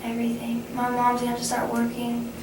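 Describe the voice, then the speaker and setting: A young adult woman speaking haltingly, often restarting phrases, in a conversational counseling role-play as the client. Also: a little high, completely flat delivery. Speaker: student playing a counseling client. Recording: echoey, distant, noisy room recording.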